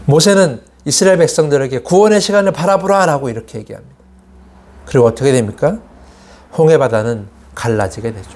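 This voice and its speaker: A man's voice: mid-range voice, a little mellow. A man preaching a Sunday sermon as pastor, asking rhetorical questions and acting out quoted complaints in a raised voice. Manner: asks the congregation rhetorical questions.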